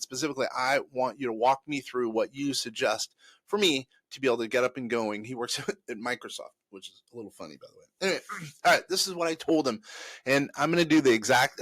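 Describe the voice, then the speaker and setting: A man's voice: medium pitch, quick pace, a bit bright, no room sound. Chatty man giving casual business advice. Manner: conversational, rambling with many restarts and fillers. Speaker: host. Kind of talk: casual advice talk to camera.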